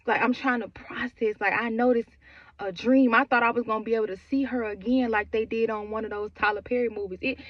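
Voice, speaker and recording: Her voice high-pitched, a twenty-something woman shares her own grief in raw, conversational storytelling, circling back on herself and saying "like" often. The recording is dry with the highs cut off.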